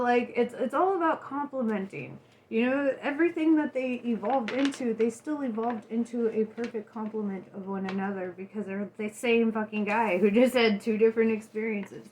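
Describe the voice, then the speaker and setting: A woman with a fairly high voice talks like she is stoned, wandering loosely through a casual rant to her followers. She is giggly and slangy, with a salty tongue and an easy, rambling way of getting to the point. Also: poor audio. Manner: giggly, laughs often while talking; salty, slangy, swears freely. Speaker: vlogger.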